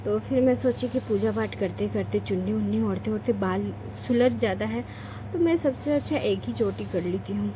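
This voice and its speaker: A young woman films a chatty get-ready-with-me vlog in her bedroom at home, rambling homely and often correcting herself mid-sentence. Her voice sits mid-range at a moderate pace, and the background is noisy with a child crying and shouting.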